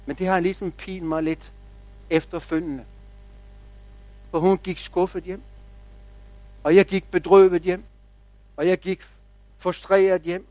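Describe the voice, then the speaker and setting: A man pastor preaching a sermon, telling stories in a measured, reflective way with quiet pauses. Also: high-pitched, little pitch movement, no room sound.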